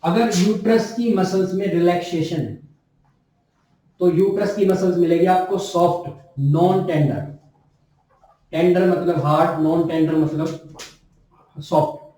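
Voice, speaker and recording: A nursing tutor with a warm, slightly high voice lectures to nursing students in class at a measured pace, pausing often, with fairly even intonation. He repeats key terms and poses questions he answers himself, recorded from afar in an echoey room.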